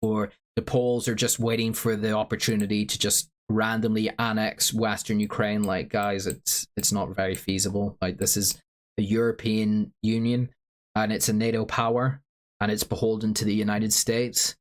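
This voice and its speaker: A man's voice: on the low side, level tone, normal speed. A man with a sore throat, livestreaming casual commentary and reading out viewer chat in a rambling, filler-heavy way. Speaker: stream host.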